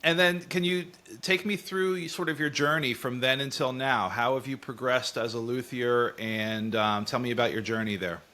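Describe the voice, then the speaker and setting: A man's voice: medium pitch, fairly even intonation, moderate pace, hardly any pauses, bright, forceful tone. A man hosting a casual interview, chatting and asking questions. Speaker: interview host.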